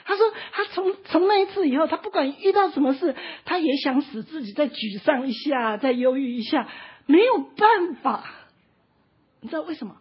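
A woman's voice: sits high, expressive, normal speed. A woman, preaching an emotional sermon, impassioned and often close to tears, dotting her sentences with little "ha" tags. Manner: impassioned, often near tears, frequent "ha" tag particles. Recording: dull lo-fi recording.

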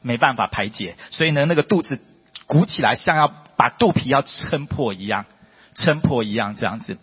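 A man's voice: normal speed, husky. A man preaching a testimony sermon to a church congregation, emphatic and full of rhetorical questions. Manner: emphatic, rhetorical questions, rising to high excited peaks. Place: church hall. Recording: dull lo-fi audio with long hall reverb.

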